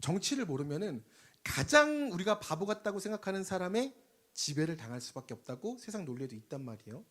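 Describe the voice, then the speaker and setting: Lively husky-voiced man preaching. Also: high voice, fast talker. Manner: lively, conversational, swings between loud emphasis and quiet asides. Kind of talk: sermon with call-and-response.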